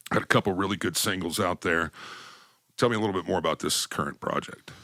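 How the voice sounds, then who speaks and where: A man's voice: sits low, fast talker, sharp tone, no echo, clean studio sound. A man from West Texas, hosting a podcast interview in a casual, rambling, storytelling way. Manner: laid-back, rambling storyteller, swears casually. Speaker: podcast host.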